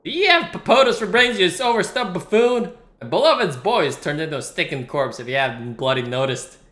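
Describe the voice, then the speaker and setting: A game streamer reading the lines of a fierce, sharp-tongued middle-aged mother and wife in a brusque, scolding way. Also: medium pitch, animated, a little fast, voice pushed up, close to an everyday voice. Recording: roomy sound with game music.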